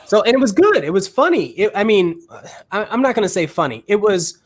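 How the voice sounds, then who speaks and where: Chatty higher-voiced male realtor. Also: big pitch swings, a little fast. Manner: conversational, thinks aloud with restarts. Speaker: realtor and podcast host. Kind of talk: casual panel talk.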